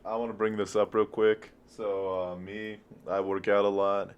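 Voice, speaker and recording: A man's voice: lowish voice, little pitch movement, normal speed, lo-fi sound, slight background noise. A young man co-hosting a casual podcast, laid-back and hesitant, with lots of ums. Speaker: podcast co-host.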